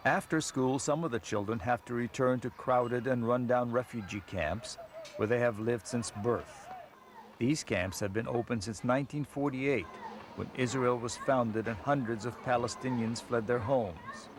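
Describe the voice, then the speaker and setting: A man reading a scripted documentary narration in a measured, even voice-over. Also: mid-range voice, background noise.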